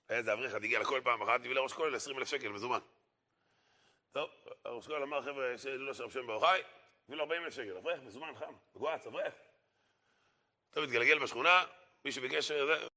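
Bright-voiced man preaching with emphatic repetition. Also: mid-range voice. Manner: emphatic, repeats phrases for effect. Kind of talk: storytelling sermon.

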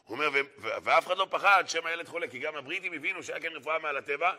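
A man's voice: fairly high pitch, bright, forceful tone. A man giving a storytelling sermon, stressing points by repeating phrases emphatically. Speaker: preacher.

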